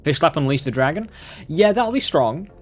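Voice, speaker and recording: A man's voice: fairly high pitch, lively intonation, moderate pace, faint music behind. A man giving casual, chatty live gameplay commentary, talking straight to his viewers. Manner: chatty, addresses viewers directly. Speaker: game streamer.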